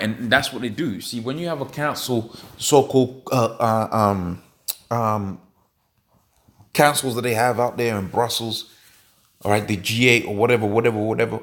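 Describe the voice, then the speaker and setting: A man preaching a sermon in an emphatic, repetitive way, often tagging his points with "man" and "all right?", stumbling and restarting as he goes. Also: mid-range voice. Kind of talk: street-camp sermon teaching.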